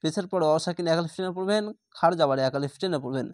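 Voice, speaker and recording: A man teaching Quran reading, spelling out each syllable and then chanting the words slowly with long drawn-out vowels. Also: a little high, dry recording, clean studio sound. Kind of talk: slow spelled-out recitation lesson.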